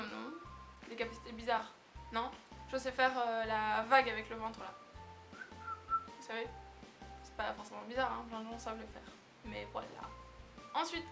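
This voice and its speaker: A young woman chatting casually in a vlog, answering quirky questions with lots of fillers and easy laughter. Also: a little high. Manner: chatty, relaxed, laughs often, many fillers. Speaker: beauty vlogger.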